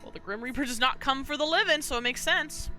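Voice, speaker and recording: A woman's voice: sits high, quick pace, pushed and bright, faint music behind. A woman chatting casually and playfully as she reacts to an animation, often joking and exclaiming. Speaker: reaction show host.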